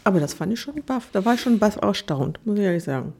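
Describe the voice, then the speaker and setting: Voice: medium pitch, animated, fast talker, creaky, darkish tone, slightly rough. A podcast co-host in casual chat, who agrees often and mixes up words.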